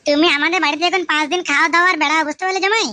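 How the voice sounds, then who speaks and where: Flirty cartoon mother-in-law, coaxing, bright and fast woman voicing. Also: very high voice, fairly even intonation, no echo. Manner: coaxing, sweet-talking. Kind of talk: comic cartoon voice acting.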